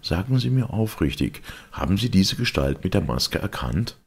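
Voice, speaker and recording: A man's voice: low voice, big pitch swings, moderate pace, creaky, breathy edge, voice pushed up, exaggerated voice. A man voicing a resolute, middle-aged male lawyer in an audiobook, speaking firmly and emphatically. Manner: firm and emphatic. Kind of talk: audiobook character reading.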